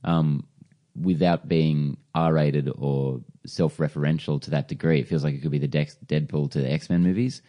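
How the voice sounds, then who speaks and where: A man with a very deep, dark voice chats on a casual film podcast. He talks like a keen comics fan, laughing often and swearing casually. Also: steady tone, moderate pace. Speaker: podcast co-host. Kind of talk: casual chat.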